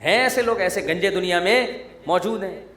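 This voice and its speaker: This humorous sermon comes from a male Islamic preacher whose high voice has a fairly bright tone. He speaks conversationally, joking and teasing his listeners, and the room's echo is clearly audible.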